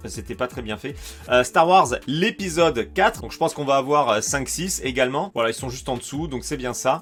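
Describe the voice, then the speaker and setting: A fairly bright, mid-range male voice belongs to a French collectibles YouTuber casually guiding viewers around a shopping website on screen. He's chatty and enthusiastic, using lots of fillers.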